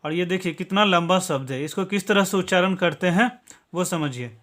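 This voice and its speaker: A man from Bihar, India, teaches English to viewers in a patient classroom manner, working step by step and adding "okay?" after nearly every point. His voice is high and a bit bright, at a moderate pace.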